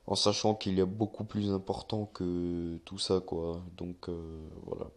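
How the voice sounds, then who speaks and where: Low-voiced young man rambling through a tutorial. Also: steady tone, a little slow. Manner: rambling, many fillers and self-corrections. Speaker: YouTuber giving a tutorial. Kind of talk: casual screen-recorded tutorial.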